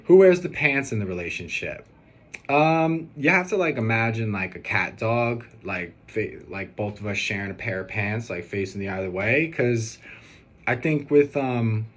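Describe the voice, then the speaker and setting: A young man about to be married answers questions in a casual personal video message, hesitant, rambling and earnest. His voice is on the low side and his pace moderate, with steady background noise throughout.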